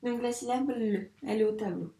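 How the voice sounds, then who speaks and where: A woman teaching young children a dictation, patiently spelling out sounds and syllables clearly for a child. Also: on the high side, fairly quick, mellow. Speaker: primary school teacher. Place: room with a whiteboard. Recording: echoey room.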